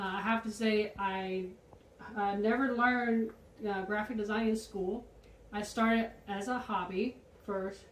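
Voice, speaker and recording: A woman's voice: medium pitch, a little mellow, a little hiss or hum. A young woman from Taiwan, an artist and photographer chatting casually on a tour of her home, laughing lightly between thoughts. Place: at home, indoor rooms. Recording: roomy echo of a home.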